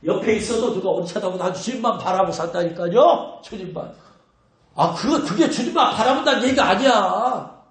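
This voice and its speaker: Animated pastor preaching in an echoing church. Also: male voice, high voice, brisk. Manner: animated, scolding, talks straight to the congregation. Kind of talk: sermon. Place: church sanctuary. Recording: echoey church hall.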